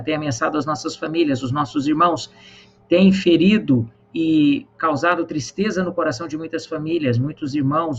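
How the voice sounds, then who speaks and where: Guy leading prayer on a church livestream, kinda high voice, muffled lo-fi sound w faint hiss. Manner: earnest, measured, many pauses. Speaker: online church program host. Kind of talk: prayer and live-stream hosting.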